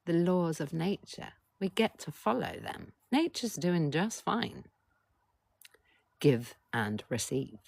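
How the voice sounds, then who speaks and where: A middle-aged woman hosts a casual live stream as a coach, speaking bluntly and cursing without hesitation. Her voice carries a gravelly fry. The sound is dry and close, with almost no room echo. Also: on the low side, sing-song, slow, a little mellow. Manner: blunt and swearing, keeps prompting the chat.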